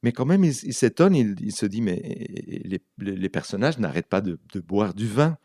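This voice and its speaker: An Argentine writer and translator, a native Spanish speaker with an Argentine accent, tells anecdotes as a guest in a conversational interview, often searching for words. His low, mellow voice swings widely in pitch at a normal pace, recorded at studio quality with no echo.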